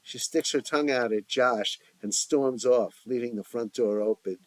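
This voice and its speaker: A man's voice: medium pitch, moderate pace, no echo. A man narrating the stage directions of a family audio drama in a plain reading voice.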